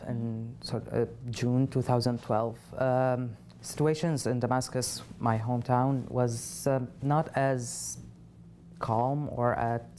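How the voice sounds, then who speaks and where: A man from Syria, answering in a TV studio interview in a halting way, with many pauses and fillers. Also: medium pitch, darkish tone, slight background noise. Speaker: interview guest, refugee.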